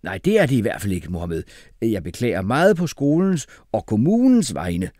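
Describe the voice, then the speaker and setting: A man's voice: fairly low pitch, sing-song, warm tone, no echo, studio quality. A man voicing an eager, formal school principal in an audiobook. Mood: fussy. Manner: gushing, formal, apologetic.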